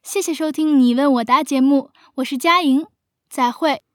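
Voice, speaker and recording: High-voiced woman teaching pronunciation. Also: no room sound, studio quality. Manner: clear, careful explanation with slowed examples. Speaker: English teacher and host. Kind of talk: scripted radio lesson.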